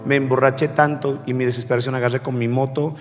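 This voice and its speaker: A pastor voicing an injured, despairing young man who drank, in a low, subdued and pained voice. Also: flat delivery, fast talker, natural voice. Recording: long reverb with faint music.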